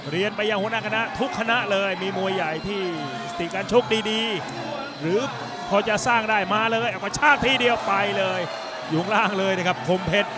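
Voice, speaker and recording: A man giving live Muay Thai commentary, excitable and exclamatory, often repeating his phrases. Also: sits high. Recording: loud crowd and music behind. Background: ringside crowd and fight music.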